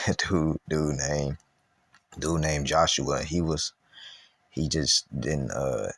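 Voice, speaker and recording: A man giving a casual, rambling Bible study talk in loose street slang with lots of fillers, reading scripture slowly and stumbling over the old words. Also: rumbling low, gravelly, a bit bright, husky, no room sound. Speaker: Bible teacher.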